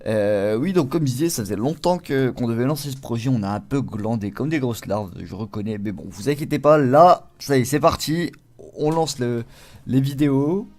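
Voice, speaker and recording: A man hosting a let's play video, giving casual gaming commentary, swearing freely and reacting loudly to the game. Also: mid-range voice, moderate pace.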